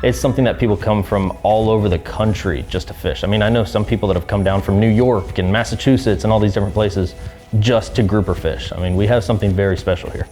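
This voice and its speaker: Relaxed, lower-voiced local angler. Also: male voice, quick pace, soft background music. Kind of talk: interview remarks.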